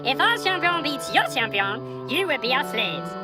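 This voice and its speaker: An actor voicing a small, boastful enemy soldier who taunts in mock-grand tones, over loud cartoon music. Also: high voice, big pitch swings, normal speed. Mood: taunting.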